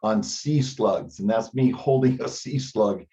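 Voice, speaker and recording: Heard over dull, band-limited conference call audio, this teleconference participant has a fairly low, dark voice and an unhurried delivery. He speaks informally in the meeting, frequently repeating a word as he goes.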